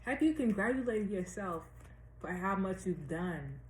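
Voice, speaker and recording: An American woman, a tarot reader and astrologer who hosts a weekly series, offers viewers casual spiritual guidance in a slow, deliberate way, repeating phrases for emphasis. Her medium-pitched, expressive voice carries a slight lisp from the dental retainer she wears. The recording has a roomy echo and faint background noise.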